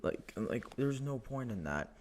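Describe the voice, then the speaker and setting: A young man with an American accent talks through history like he's chatting with friends. His pitch sits in an ordinary middle range but swings about a lot as he tells the story. He leans on fillers and keeps it loose and conversational. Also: big pitch swings, unhurried, darkish tone. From United States. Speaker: history podcast host. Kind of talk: casual history talk.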